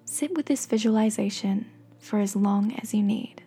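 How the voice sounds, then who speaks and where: A woman with a soft, breathy voice gently and slowly guiding a meditation in soothing, encouraging scripted narration. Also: medium pitch, faint music behind. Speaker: guided meditation host.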